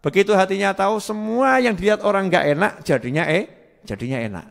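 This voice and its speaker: A man delivers a sermon in a high voice, posing questions to the crowd and answering them himself. He repeats his key words and slips into chanted Arabic phrases. The sound rings with the long echo of a hall. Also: expressive, quick pace, creaky. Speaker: preacher.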